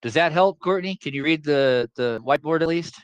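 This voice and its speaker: A man's voice: on the high side, fairly quick, smooth, no echo, muffled recording. Guy teaching class over video chat, jokey and casual, dry mic, keeps repeating stuff. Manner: joking, repeats points to simplify. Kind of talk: casual online class lecture. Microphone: video call.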